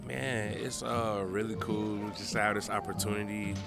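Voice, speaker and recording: A man's voice: fairly low pitch, little pitch movement, normal speed, vocal fry. A young man, a football player, answering casually in a locker room interview. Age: young adult. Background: loud music.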